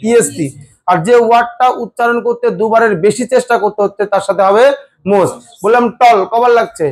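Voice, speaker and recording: A man with a very high speaking voice teaches a grammar lesson. He quizzes the class and answers his own questions, calls the students "babu", and stretches words out syllable by syllable as he explains. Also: fairly even intonation, a little fast. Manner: asks the class questions and answers them himself. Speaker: English teacher.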